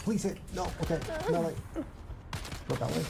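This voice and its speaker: A man, a game developer, calmly and instructively talking through his gameplay demo. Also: fairly high pitch, moderate pace, creaky, very noisy.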